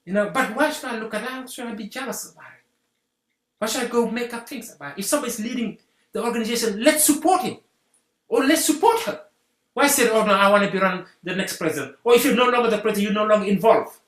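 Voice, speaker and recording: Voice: mid-range voice, fast, fairly bright tone. A guest from Senegal, giving an earnest talk on community unity and repeating rallying phrases. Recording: roomy echo.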